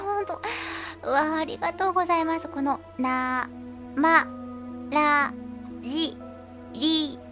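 High cute-voiced woman radio host. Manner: chatty, giggly, rambling with fillers. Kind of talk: casual chat reading listener comments. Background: faint background music.

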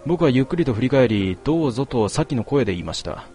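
A man reading a first-person story aloud in a measured, quiet and melancholy way. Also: medium pitch, very animated, soft background music. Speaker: narrator.

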